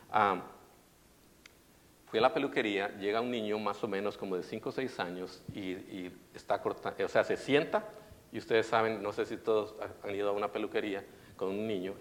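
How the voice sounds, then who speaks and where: A man preaching a sermon in a lively way, often asking his congregation questions. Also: lowish voice. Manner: animated, asks audience questions. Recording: long reverberant hall.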